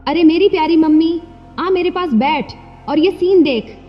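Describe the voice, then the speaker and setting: A woman's voice: very high-pitched, moderate pace, faint music behind, voice pushed up. Woman doing a cheeky grown son. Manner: teasing, unbothered. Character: young adult son, casual and cheeky. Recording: dull lo-fi with long reverb.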